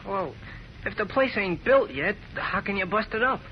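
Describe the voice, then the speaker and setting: A man's voice: sits high, expressive, moderate pace. An actor playing a nervous, earnest teenage American boy, hesitant and boyish, in a 1940s radio drama. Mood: nervous, probing. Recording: muffled, noisy vintage radio recording.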